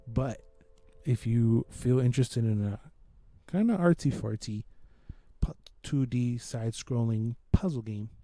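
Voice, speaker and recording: A man's voice: medium pitch, mellow, dry recording. A man hosting a podcast, chatting casually in slangy, informal language as he gives his reviews. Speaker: podcast host. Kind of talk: casual chat, reviewing games and comedy specials.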